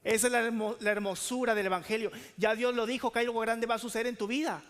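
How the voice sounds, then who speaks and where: High-voiced man preaching in a hall. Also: steady tone, fast, fairly bright tone. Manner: preaching with questions to the congregation. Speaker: pastor. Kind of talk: sermon.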